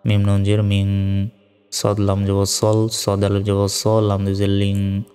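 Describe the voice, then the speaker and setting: A man teaching recitation in a low, flat and very slow voice, spelling out letters before chanting each verse. His tone is smooth and mellow. Long reverb and faint music sit behind him. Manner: spells out letters and vowel marks, then recites slowly in a drawn-out chant. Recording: reverberant room with soft music.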